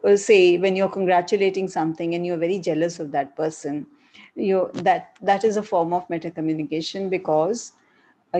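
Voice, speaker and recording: A middle-aged woman professor with an Indian English accent answers student questions in a live online session. Her breathy voice is warm and mid-range, and she explains things patiently, often hesitating and repeating her points.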